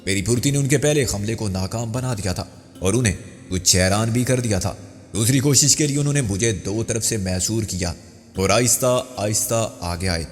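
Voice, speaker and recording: A man narrating a crime thriller novel as an audiobook, with steady storytelling. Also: lowish voice. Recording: long hall reverb with faint music.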